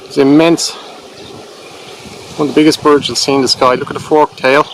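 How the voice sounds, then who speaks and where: A man's voice: a little high, level tone, moderate pace. Man narrating nature documentary, noisy recording. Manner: explanatory, informal, addressing viewers. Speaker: wildlife video presenter. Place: mostly outdoors in nature.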